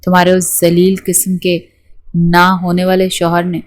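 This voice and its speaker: A woman's voice: fairly low pitch, completely flat delivery, lightly acted. A woman voicing a bossy, hot-tempered young groom in an audiobook, taunting and scolding. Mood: teasing.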